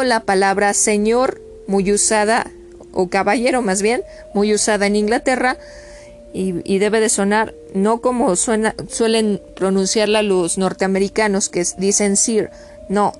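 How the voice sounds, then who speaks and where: A woman giving a spoken pronunciation lesson, spelling out letters and repeating each example word several times. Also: medium pitch. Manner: repeats words slowly, spells letters aloud. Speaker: English pronunciation teacher.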